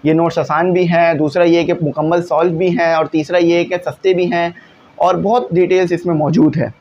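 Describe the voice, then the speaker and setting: Male teacher, high register, patient classroom explainer. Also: level tone, normal speed, a little mellow, dull audio. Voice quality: glasses wearer. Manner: explains patiently, often checks in with "theek hai". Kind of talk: classroom lesson solving exam questions.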